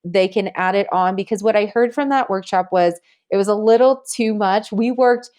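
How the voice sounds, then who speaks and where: Energetic woman on a podcast, chatty and laughy, mid-pitched voice. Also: normal speed. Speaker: guest, marketing agency CEO. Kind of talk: podcast interview.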